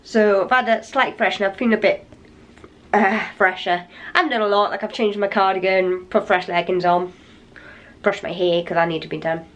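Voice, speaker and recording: In a muffled recording made on a handheld camera inside a hotel room, a woman vlogs casually to the lens. Her medium-pitched, slightly raspy voice has fairly even intonation and a moderate pace; she sounds tired, chatty and rambling, wheezing and a little short of breath from a cold.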